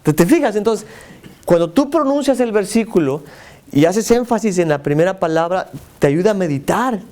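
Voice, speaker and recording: A man leads a Bible class in a fairly high voice. He keeps turning to the group with questions. He leans hard on single words to make a point. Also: lively intonation, moderate pace, darkish tone. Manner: asks the group questions and stresses words for emphasis. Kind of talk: interactive church teaching.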